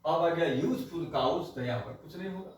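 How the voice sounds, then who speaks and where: A male teacher giving a grammar lesson, slowly spelling out words and repeating them, mixing in English phrases. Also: a little high. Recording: echoey room, voice far from mic.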